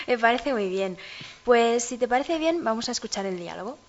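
A woman co-hosting a language lesson, measured and demonstrating pronunciation as she explains. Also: on the high side, expressive, highs cut off. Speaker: language teacher co-host.

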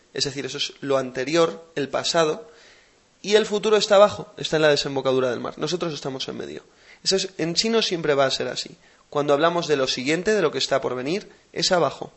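Man, somewhat high voice, patient teacher, repeats words. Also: fairly bright tone. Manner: explains slowly and patiently, repeats words for practice. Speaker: language teacher and podcast host. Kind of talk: language lesson podcast.

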